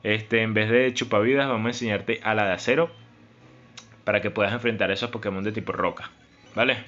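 A man's voice: fairly low pitch, fairly even intonation, fairly quick, a bit bright. Emotional young man narrating gameplay. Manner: dramatic and emotional, pleading and lamenting. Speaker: gaming YouTuber. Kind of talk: Let's Play commentary. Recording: slightly dull recording with game music behind.

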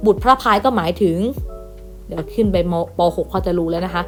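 A woman teacher giving an online lesson to primary pupils, reading words aloud one by one and gently repeating them. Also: on the low side, a little fast, faint music behind. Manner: patient, reads each word aloud and repeats with gentle "na kha" tags. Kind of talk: online class lesson, reading word lists.

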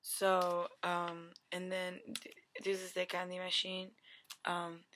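Young woman, deadpan comic vlogger, low flat delivery, rambling, recorded on a webcam at night. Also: slow, slight background noise. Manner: rambling, full of "like" and "you know". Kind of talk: deadpan comedic pitch. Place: dim bedroom at night. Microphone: webcam at desk.

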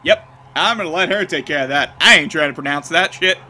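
A man's voice: fairly high pitch, fairly quick, pushed and bright, a little hiss or hum. Man narrating a game, wry asides. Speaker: let's play host. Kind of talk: reading a visual novel aloud with commentary.

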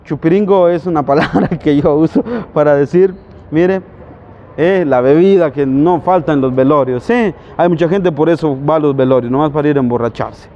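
A man's voice: a little high, moderate pace, dull audio. A man from Guatemala with a Guatemalan Spanish accent, a priest preaching on a psalm in a folksy, conversational way, full of rhetorical questions.

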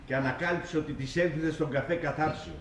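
A man's voice: fairly high pitch, fairly even intonation, echoey room, far from the mic, background noise, natural voice. A man playing a dry-witted fellow trading odd family stories and incredulous remarks in a comedy film.

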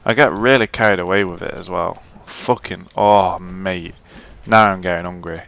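Gravelly low gamer, swearing casually. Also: male voice, steady tone, moderate pace, fairly bright tone. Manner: chatty, swears, mutters to himself. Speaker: let's play gamer. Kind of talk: casual gameplay commentary.

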